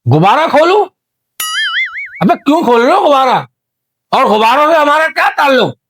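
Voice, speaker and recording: A man doing a shouting deaf man. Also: extremely high pitch, very animated, moderate pace, noisy background. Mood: scolding. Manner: shouting, indignant, rambling mishearings. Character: deaf man, loud, rambling, mishears everything. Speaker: guest character in comedy interview. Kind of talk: comedy sketch acting.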